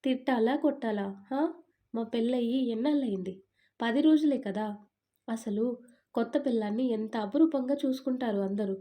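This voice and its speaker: A woman's voice: fairly high pitch, moderate pace, dark tone, close to an everyday voice. A woman voicing a sulky, talkative young newlywed wife in an audio story, complaining in a pouting tone.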